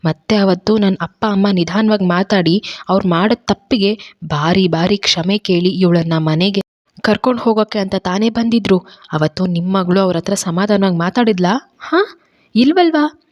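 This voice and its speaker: A woman's voice: fairly low pitch, moderate pace, dry recording, muffled recording, close to an everyday voice. A woman storyteller voicing an angry young husband who hurls harsh, scornful reproaches. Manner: shouting reproaches, scornful questions.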